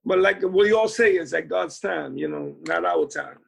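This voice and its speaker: In an anecdotal interview, a musician looks back on his band days, rambling with plenty of "you know" fillers and restarts. His voice is a little high and creaky with a breathy edge, at a moderate pace.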